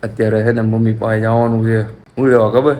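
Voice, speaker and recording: This Gujarati vlogger talks to his audience from the rooftop of his home in Gujarat, India, with playful pleas to his mother mixed in. His voice is lowish, dark and flat, the delivery fast, and there's slight background noise.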